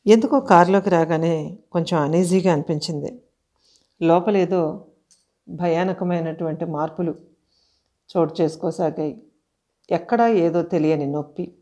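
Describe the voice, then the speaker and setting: Woman reading a calm horror story. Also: fairly low pitch. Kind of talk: scripted horror story narration.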